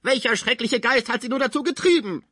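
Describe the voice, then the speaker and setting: A man's voice: very high-pitched, animated, brisk, fairly bright tone, breathy edge, dry recording, clean studio sound, voice pushed up, heavily acted. A man reading an audiobook, voicing a bedridden old musician who bursts out in agitated, outraged complaints. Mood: despairing. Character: sick old male musician, bedridden, frantic and bitter. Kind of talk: audiobook character voice.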